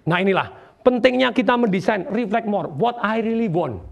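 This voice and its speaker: Male motivational speaker, high and gravelly, animated, quizzes the crowd; live seminar room with audience noise. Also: moderate pace. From Indonesia.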